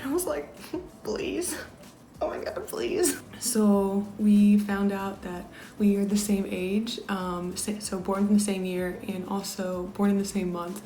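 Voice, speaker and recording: A woman's voice: medium pitch, dark tone, roomy sound, a little hiss or hum. A young American woman vlogger telling a story in a chatty way, full of fillers, sometimes dropping to a near whisper. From United States. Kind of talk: casual storytelling.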